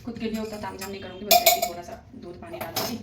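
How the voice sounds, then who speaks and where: A young woman talking through her household chores in a casual daily vlog, rambling, speaking softly and holding the phone herself. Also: mid-range voice, fairly even intonation, rapid-fire, distant mic. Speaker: vlogger. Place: home kitchen. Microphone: handheld phone. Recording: echoey room with household noise.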